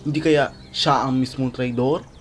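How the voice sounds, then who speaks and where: An actor playing a scheming, envious count in a theatrical, menacing old radio drama style. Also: male voice, medium pitch, fairly even intonation, moderate pace, faint music behind, close to an everyday voice. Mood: sly insinuation. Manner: theatrical, mock-innocent, menacing. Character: scheming, envious young male count, gloating villain.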